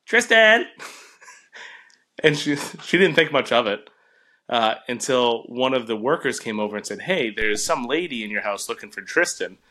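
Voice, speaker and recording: A man's voice: medium pitch, a bit bright. Laughing New England man telling stories. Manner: laughs often, storytelling with profanity. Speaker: podcast co-host. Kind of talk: casual chat.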